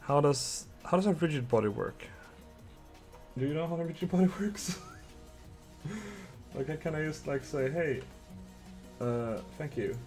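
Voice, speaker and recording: A man's voice: fairly high pitch, measured pace, pauses often, darkish tone, soft background music. A young man from Sweden with a Swedish accent, chatting casually with viewers and muttering to himself while he codes a game on a live stream.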